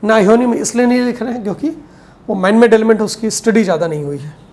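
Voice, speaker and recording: A woman teaching chemistry in a classroom lecture. She explains step by step, asks questions and answers them herself, and slows down to dictate notes, mixing Hindi with English terms. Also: on the high side, darkish tone. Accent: Hindi-English mix.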